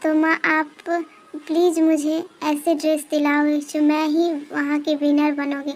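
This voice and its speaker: A woman's voice: sits high, completely flat delivery, measured pace. A woman doing a vain spoiled stepsister. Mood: boastful. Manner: boastful, demanding.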